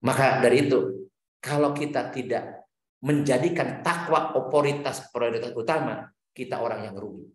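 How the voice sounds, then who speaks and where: Animated preacher man in an echoey room. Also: moderate pace. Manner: animated storytelling, swinging pitch, Arabic recitation. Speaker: Islamic preacher. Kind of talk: religious lecture answering questions.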